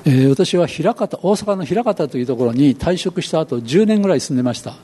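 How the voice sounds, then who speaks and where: A man's voice: a little high, expressive, mellow, a little hiss or hum. A man in his eighties with a Kansai accent, preaching a sermon in a folksy, storytelling way. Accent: Kansai Japanese. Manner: storytelling, acts out quoted voices, folksy and unhurried. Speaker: pastor.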